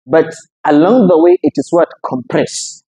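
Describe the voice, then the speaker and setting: A man's voice: fairly high pitch, wildly swooping pitch, unhurried, creaky, mellow, slightly rough, no room sound, poor audio. A man with a Nigerian Hausa accent teaching tajweed in a mosque, repeating each sound for drill and answering his own questions. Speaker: Quran recitation teacher. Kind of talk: tajweed lecture. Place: mosque hall.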